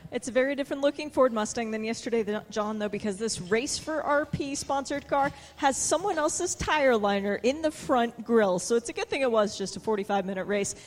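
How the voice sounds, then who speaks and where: A woman's voice: fairly high pitch, animated, fairly quick, hardly any pauses, a little hiss or hum. A woman reporting from pit lane, interviewing winners in a breezy, joking manner. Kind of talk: post-race interviews.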